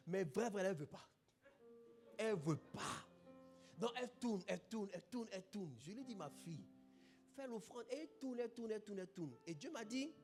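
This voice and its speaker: A man pastor, preaching a testimony in an animated sermon, bursting into shouts. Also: sits high. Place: church.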